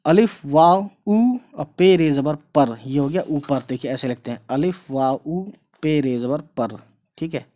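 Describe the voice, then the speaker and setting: Man teaching Urdu to viewers: friendly "guys" address, patient repetition, slightly raised pitch. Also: unhurried, dark tone. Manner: patient, repetitive explaining with frequent checks. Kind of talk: online language lesson.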